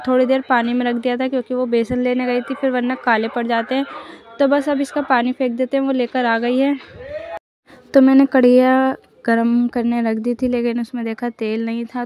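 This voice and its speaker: A woman's voice: fairly high pitch, a little mellow. A young woman chatting casually through a voice-over for her daily vlog, rambling and often starting with "so guys". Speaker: vlogger.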